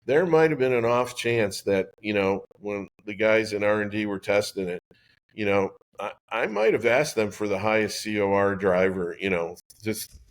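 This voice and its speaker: Guesting on a podcast, a man in his 60s who designs golf clubs spins a long, meandering story, frequently restarting his sentences. He speaks expressively at a moderate pace with a voice on the low side.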